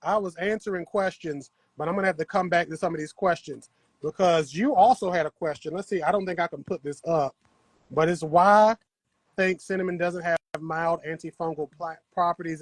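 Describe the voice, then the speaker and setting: Working the soil on his patio, this gardening livestream host keeps up a chatty, casual conversation with his viewers. He speaks at a normal speed in a steady tone, his voice a little high, and the recording is dry.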